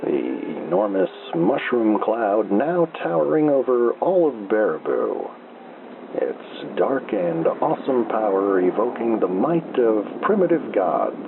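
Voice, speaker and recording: A male actor plays a deadpan small-town baseball announcer doing slow, old-time radio play-by-play, his creaky, full character voice low and unhurried yet swinging in lively, melodic ways. The mood stays deadpan calm. It comes through noisy, crackly, narrow-band AM that sounds thin and telephone-like.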